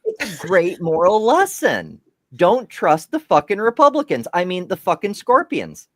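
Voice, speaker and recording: A man's voice: high-pitched, wildly swooping pitch, unhurried, no echo. A man co-hosting a casual podcast chat, rambling and profane as he tells a fable. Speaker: podcast co-host.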